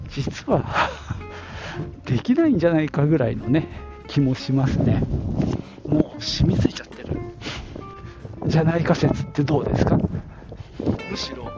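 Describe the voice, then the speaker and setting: A man's voice: on the high side, vocal fry. A man hosting a casual solo podcast, thinking aloud and musing with many fillers. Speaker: podcast host. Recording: lo-fi with background music.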